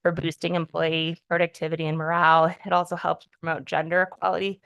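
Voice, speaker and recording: A woman's voice: sits low, little pitch movement, fast talker, vocal fry, a bit bright, clear, resonant tone, no room sound. A young woman on town staff presenting a policy at a public meeting, careful and explanatory with frequent "um" fillers. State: voice quivering with emotion. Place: town hall meeting room.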